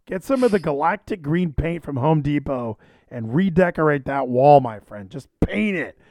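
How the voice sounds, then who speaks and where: A male livestream host chats casually and rambles, doubling back on his phrases. His voice is a bit high for a man, recorded dry. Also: animated, moderate pace, a little mellow, no room sound. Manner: rambling, self-interrupting, repeats phrases. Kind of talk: casual chat. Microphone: handheld microphone.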